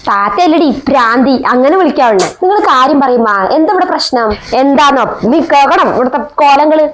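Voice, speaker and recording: A woman's voice: lively intonation, brisk. A woman acting a bossy middle-aged mother-in-law in a family skit, nagging and scolding. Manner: nagging, shrill, scolds and insults.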